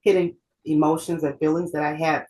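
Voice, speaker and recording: A woman's voice: low voice, little pitch movement, brisk, a little mellow, rough recording. A middle-aged woman co-hosting a heartfelt conversation, reflective and emphatic, often repeating herself. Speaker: co-host.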